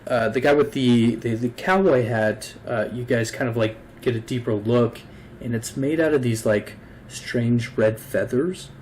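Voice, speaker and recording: A man's voice: mid-range voice, unhurried, darkish tone, slight background noise. A man narrating a tabletop game as game master, casual and full of fillers. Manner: casual, hesitant, many fillers.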